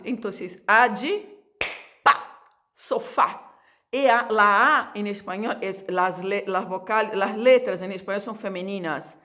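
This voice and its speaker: A woman, teaching Spanish in a lively, chatty video lesson, drawing out sounds to demonstrate them. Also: medium pitch.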